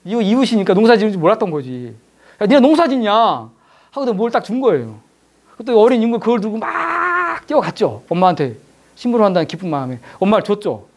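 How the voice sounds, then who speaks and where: A middle-aged man lecturing, telling a story with lively acted-out dialogue. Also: high-pitched, fairly quick. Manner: animated storytelling, acting out quoted dialogue. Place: lecture hall.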